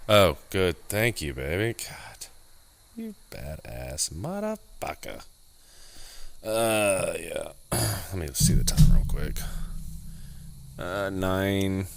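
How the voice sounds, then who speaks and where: A man's voice: deep voice, slow, gravelly, clean tone. A young man co-hosting a podcast in casual chat, loose and profane, rambling and restarting his sentences. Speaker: podcast co-host.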